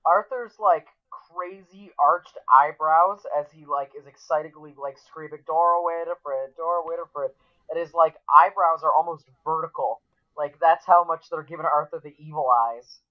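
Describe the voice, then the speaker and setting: A man's voice: a little high, normal speed. Eager male co-host on a dull mic. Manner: enthusiastic, rambling, with many fillers. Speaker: podcast co-host. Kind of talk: casual chat.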